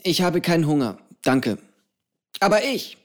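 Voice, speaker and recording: A man's voice: a little high, sing-song, measured pace, pitched above the performer's own voice. A male narrator voicing a jolly, eccentric old pirate who cooks on an island, speaking with a hearty manner. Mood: jovial.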